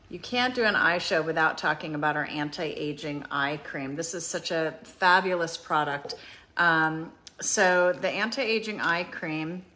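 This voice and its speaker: A woman in her fifties hosting a casual beauty product demonstration, chatty and often pausing on "um". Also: deep voice, sharp tone. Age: 50s. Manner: chatty, with frequent ums. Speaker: beauty show host.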